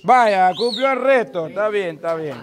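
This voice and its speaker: A man's voice: high voice, animated, normal speed. A man with a Central American Spanish accent casually hosting a group challenge game, teasing and urging contestants on. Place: open-sided outdoor shelter on a lawn. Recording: outdoor group chatter around the voice.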